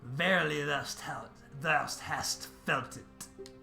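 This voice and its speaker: A man voicing a solemn, ancient guardian tree spirit in grandiose, archaic, slow declamation. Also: on the high side, creaky, reverberant, over music, exaggerated voice. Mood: solemn, grand.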